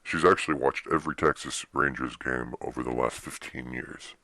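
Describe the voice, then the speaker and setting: A man's voice: a bass voice, fairly even intonation, moderate pace, sharp tone, no room sound, clean studio sound. A young man giving casual, rambling solo sports commentary as the host of a webcast. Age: young adult.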